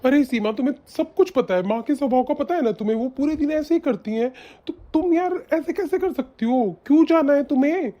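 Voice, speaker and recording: A woman's voice: high voice, fairly quick, hardly any pauses, warm tone, lo-fi sound, natural voice. A woman voicing a mild, peacemaking young husband and son in a cartoon, soothing in tone. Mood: placating.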